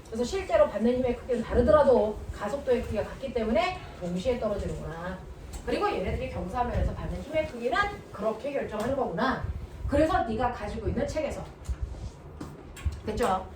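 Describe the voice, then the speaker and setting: A woman's voice: on the high side, a little fast, distant mic. A woman teaching a physics lesson who keeps quizzing her class with constant check-in questions. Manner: lively, quizzes students with constant check-ins. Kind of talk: classroom lecture. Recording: echoey room, voice from afar, noisy.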